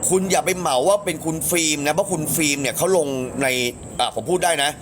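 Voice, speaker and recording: A man talks casually on a live stream, gossiping in crude slang and often jumping into a higher voice to quote other people. His voice sits somewhat high. Faint room noise runs behind him. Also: fast. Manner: chatty, crude slang, shifts into higher voice when quoting others.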